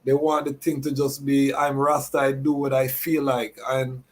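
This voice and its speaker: A man's voice: mid-range voice, monotone, moderate pace. A man hosting a live show, mixing announcements with Rastafari reasoning in Rastafarian idiom and repeated catchphrases. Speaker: podcast host.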